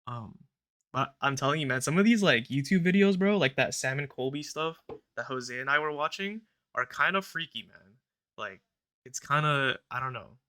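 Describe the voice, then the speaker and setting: A man's voice: mid-range voice, normal speed, smooth. A young man hosting a casual podcast, chatting loosely with many fillers. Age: young adult. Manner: relaxed, rambling, filler-heavy, recites a prayer. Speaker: podcast host.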